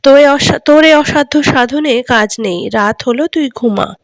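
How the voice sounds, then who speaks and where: A woman's voice: high-pitched, unhurried, no room sound, clean studio sound. A woman voicing a grieving elder queen from a storybook, mournful and tender in her pleading.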